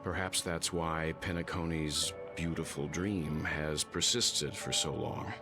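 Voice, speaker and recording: A man voicing a smooth, courteous young man in a game cutscene, asking probing questions. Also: extremely low pitch, fairly even intonation, a little slow. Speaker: game character voice. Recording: game audio under a score. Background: game music.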